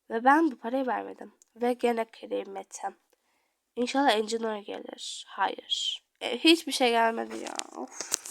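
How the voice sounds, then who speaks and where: A young woman video creator chats casually as she plays, dramatic and swinging between murmurs and loud outbursts. Her voice is a little high and gravelly, and the recording is dry.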